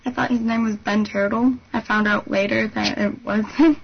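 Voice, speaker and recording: A woman's voice: medium pitch, steady tone, normal speed, creaky, background noise. A woman answering interview questions on a call, hesitant, with many ums. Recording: dull lo-fi call audio.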